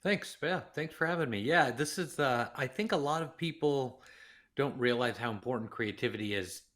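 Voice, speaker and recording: A man from Los Angeles, a podcast guest, telling animated anecdotes and jumping into acted-out quotes. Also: medium pitch, moderate pace. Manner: lively storyteller who acts out quotes. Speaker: interview guest. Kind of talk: podcast interview.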